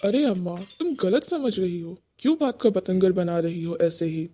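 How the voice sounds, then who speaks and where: A woman's voice: fairly low pitch, moderate pace, dark tone, slight background noise, close to an everyday voice. A woman voicing a flustered young husband who pleads and tries to placate his mother and his wife. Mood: pleading.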